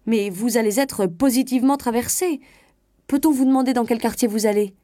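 A woman reading a story aloud, voicing a pompous, self-important male state official who talks loudly and eagerly. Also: fairly high pitch, a little fast, no room sound, studio quality, pitched above the performer's own voice, close to an everyday voice. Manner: boastful, bossy, loud and eager.

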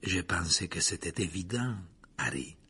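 A man reading aloud and voicing a calm, thoughtful adult male teacher in a low, husky, measured storybook voice. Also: full character voice. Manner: soft-spoken, measured, sometimes whispered.

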